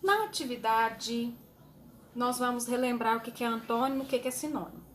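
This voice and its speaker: A woman teacher explaining a homework sheet to young children, slowly and patiently, with fond little words. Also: fairly high pitch, slight background noise. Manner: slow, patient, uses diminutives. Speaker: schoolteacher.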